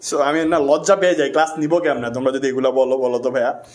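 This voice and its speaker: A man's voice: mid-range voice, steady tone, fairly quick, roomy sound. A young man from Bangladesh teaching a live online class, chatty and joking with his viewers, repeating words for emphasis. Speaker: online tutor.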